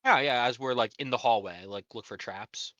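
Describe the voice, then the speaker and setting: A man's voice: mid-range voice, normal speed, pushed and bright, no room sound, dull audio. A man chatting casually and jokingly as a player in a tabletop role-playing game.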